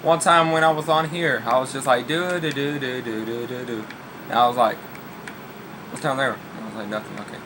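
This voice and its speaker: A man giving rambling, casual commentary over his game, swearing often and chatting to his cat, his voice worn from yelling. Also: mid-range voice, steady tone, fairly quick, background noise. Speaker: gaming YouTuber.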